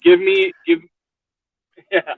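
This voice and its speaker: A man's voice: very high-pitched, creaky, no echo, low-quality recording. Man on clipping, glitchy digital audio. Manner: animated, halting restarts. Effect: clipping, glitchy robotic digital audio. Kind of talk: casual chat.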